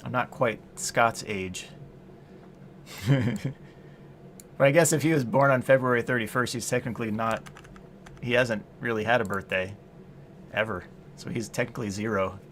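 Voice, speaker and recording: Speaking at normal speed with long pauses, a streamer in his late thirties codes at his computer and chats loosely with his audience, thinking aloud and chuckling frequently. His mid-range voice is a bit bright, and there's a little hiss or hum.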